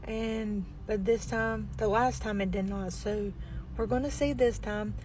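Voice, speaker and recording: A woman's voice: steady tone, unhurried, darkish tone. Weak, barely audible chatty woman, noisy recording. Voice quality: weak, low-volume voice, barely projecting. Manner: chatty, plain-spoken, folksy. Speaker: vlogger. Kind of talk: casual chat.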